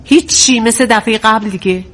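A woman performing a scolding middle-aged wife in a family drama. Her voice sits somewhat high and her remarks come quick and pointed. She sounds tired of her husband's moods. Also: a bit bright, slight background noise, close to an everyday voice. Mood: nagging. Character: nagging practical middle-aged mother, sharp-tongued. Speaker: wife and mother. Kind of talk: TV drama acting.

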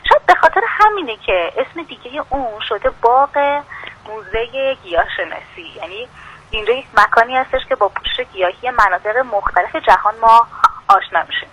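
A woman's voice: a little high, sing-song, fairly bright tone. A woman contributor speaking over the phone to a radio show, presenting a feature in a friendly, informative way. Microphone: telephone. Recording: phone line into radio broadcast.

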